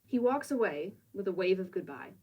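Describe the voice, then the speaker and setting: A woman with a husky voice recaps a manga for a review. She muses over the scenes and drops in casual asides. Her mic sits some way off, so she sounds slightly distant. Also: mid-range voice, lively intonation, normal speed, lo-fi sound. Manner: reflective, musing, casual asides.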